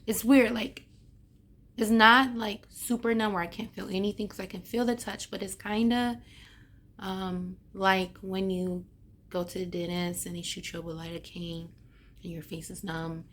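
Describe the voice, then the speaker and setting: A woman with a hoarse voice chats casually to camera, giving a personal update and often trailing off as she searches for words. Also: mid-range voice, fairly even intonation, normal speed, a bit bright. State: hoarse after neck surgery. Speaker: vlogger giving a health update.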